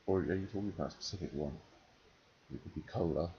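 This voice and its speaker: A man from northern England with a London-softened English accent and slight northern touches, answering a casual questionnaire in a hesitant, dry, deadpan way. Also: low voice, quick pace. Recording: dull, noisy home recording.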